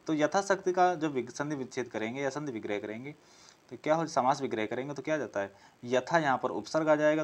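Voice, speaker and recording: Working through exam-prep material with his class, a man in a mid-range voice asks questions out loud, answers them, and keeps repeating the key phrases as he explains.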